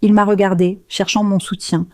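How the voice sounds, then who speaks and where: A woman reading a first-person story aloud in a slow, measured, subdued way. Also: medium pitch, little pitch movement, dark tone, no echo. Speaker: narrator.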